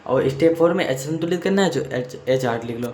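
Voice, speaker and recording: A man's voice: mid-range voice, animated, brisk, a little mellow. A man teaching a chemistry lesson, repeating points and often checking in with students. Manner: repeats points, frequent "theek hai" check-ins. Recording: echoey room with faint noise.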